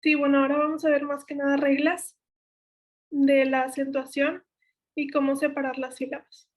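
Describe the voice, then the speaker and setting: High-pitched flat-toned young woman teacher. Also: moderate pace. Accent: Mexican Spanish. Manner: steady list-like delivery, self-corrects. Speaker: workshop instructor. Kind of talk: explaining spelling rules.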